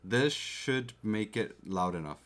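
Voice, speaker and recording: An animated man with a lowish, fairly bright voice speaks slowly while assembling a keyboard live, chatting casually and checking on his viewers. His desk mic is positioned close to the keyboard, catching faint clicks and typing behind him.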